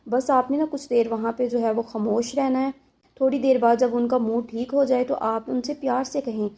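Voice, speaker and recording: A woman's voice: a little high, vocal fry, dark tone. A woman hosting an advice channel, talking to viewers conversationally and explaining with everyday examples and rhetorical questions.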